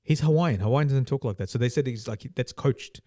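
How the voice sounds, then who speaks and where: A man co-hosting a podcast, talking in a rambling casual way with many restarts and quick agreement. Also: medium pitch, dark tone, no echo, studio quality. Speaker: podcast co-host. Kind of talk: casual chat.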